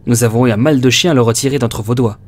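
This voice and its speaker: A man voicing a calm, matter-of-fact doctor who explains things politely to a patient in an audiobook. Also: medium pitch, fast, faint music behind, close to an everyday voice.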